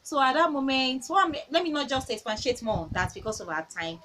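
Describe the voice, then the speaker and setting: A woman in her thirties with a high voice gives earnest parenting advice. She talks in a casual way, repeating phrases as she tells stories from her own home. A faint hiss sits under the recording. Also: big pitch swings, fairly quick, fairly bright tone, rough recording. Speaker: parenting talk host.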